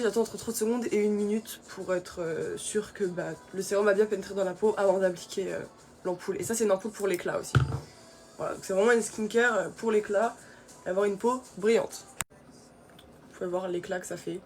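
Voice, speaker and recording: A young woman from France chatting casually through her skincare routine, with many fillers. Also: medium pitch. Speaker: beauty vlogger.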